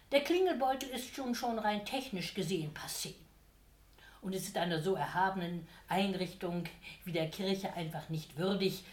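A woman's voice: darkish tone, roomy sound, close to an everyday voice. A woman voicing a scheming, fawning male Devil who talks like a wheedling salesman, in a read-aloud story. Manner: wheedling, theatrical, swings between whining and eager pitching.

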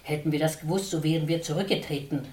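A woman reading as a stiff, well-mannered male starling, formal and measured, fighting to keep calm, his pitch ranging widely. The voice sounds distant in a reverberant room. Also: lightly acted. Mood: polite. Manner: formal, courteous, straining to stay calm. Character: polite but irritable male starling, house owner. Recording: roomy, distant mic.

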